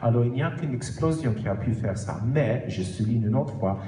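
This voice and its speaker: A man with a foreign, non-native accent in French gives an explanatory presentation as an author, haltingly, correcting himself and stressing key words. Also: mid-range voice, expressive, mellow. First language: not French. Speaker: author presenting own book. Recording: roomy echo with faint background noise.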